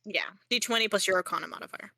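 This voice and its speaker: A young woman acting as game master in a casual tabletop session, laughing often and pausing with fillers as she explains the rules. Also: mid-range voice, gravelly, bright, forceful tone, no echo. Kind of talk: narrating a tabletop game over voice chat.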